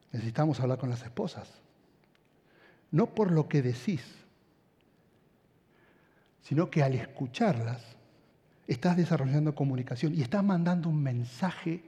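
A middle-aged man with an Argentine accent preaching a sermon, an animated storyteller who swings from hushed tones to shouting. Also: fairly high pitch. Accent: Argentine Spanish. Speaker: pastor. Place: large hall with audience. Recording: long hall reverb.

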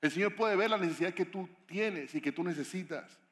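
A man's voice: high-pitched, a little fast. A man preaching a sermon as a pastor, conversational and often asking his listeners questions. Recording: echoey hall reverb.

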